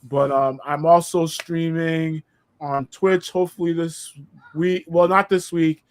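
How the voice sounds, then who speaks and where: A man's voice: a little high, fairly even intonation, unhurried. A man from Boston with a pseudo New York accent, a guest on a casual podcast who talks in a loose, rambling way with lots of fillers. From Boston, Massachusetts. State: recovering from dental surgery. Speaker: guest content creator.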